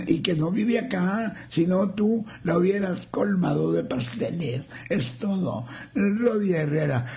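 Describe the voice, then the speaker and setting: Older man, radio host, folksy, joking, high voice, gravelly. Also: dark tone. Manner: folksy, joking, slow and drawn out. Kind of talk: reading listener messages on live radio.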